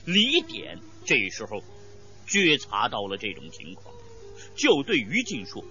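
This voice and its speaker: A woman telling an old war tale in a traditional storyteller's manner, dramatic and emphatic. Her delivery is slow and swoops widely in pitch, with a bright tone. Faint music plays behind a slightly dull recording. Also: huge pitch swings. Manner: dramatic, emphatic, with sound words.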